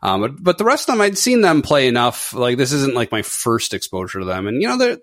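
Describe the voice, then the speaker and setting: A man's voice: mid-range voice, huge pitch swings, brisk, fairly bright tone, no room sound. A man co-hosting a casual podcast, thinking aloud in an easygoing way. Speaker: podcast co-host. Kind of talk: casual chat.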